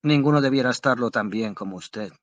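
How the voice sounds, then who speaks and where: Man doing a cool, matter-of-fact gentleman. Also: medium pitch, a little fast, dry recording, muffled recording, lightly acted.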